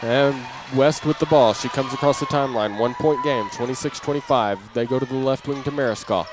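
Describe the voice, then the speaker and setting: Somewhat fast and mid-pitched, a man narrates a basketball game live in radio fashion, his clipped phrases climbing on the big moments. He's in an indoor gym during play, and the audio is clearly noisy, filled with gym sounds and a bouncing basketball.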